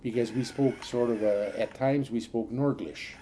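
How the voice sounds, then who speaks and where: A steady, dark, mid-range voice belongs to an older man from a Norwegian-speaking Midwestern farm family. Interviewed for an oral history, he stumbles through rambling recollections packed with fillers, and slight background noise runs underneath.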